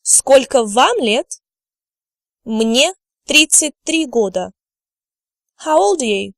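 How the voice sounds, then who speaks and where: A language teacher gives a slide lecture slowly and carefully, modelling each word so learners can repeat after her. Her fairly high, gravelly voice swings widely in pitch. The recording is dry and close, with no echo or room sound.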